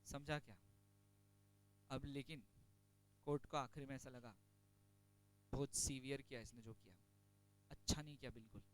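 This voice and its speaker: A man teaching a class, chatty and joking, slowing right down to dictate notes. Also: medium pitch, fairly even intonation. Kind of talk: classroom lecture on company law.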